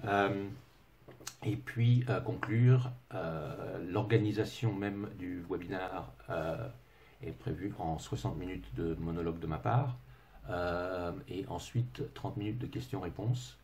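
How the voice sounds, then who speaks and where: A middle-aged consultant from England, speaking French as a second language with an English accent, gives a webinar presentation in a low, slow, slightly mellow voice. He hesitates often, with many filler sounds and restarts, and slips in dry, self-mocking humor. There's slight background noise.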